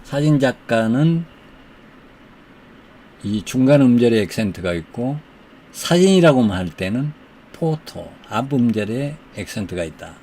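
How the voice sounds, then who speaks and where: A man teaching English, who says the English example sentences slowly and deliberately and explains them more quickly. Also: mid-range voice, sing-song, dark tone. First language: Korean. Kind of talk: slow explanatory lesson.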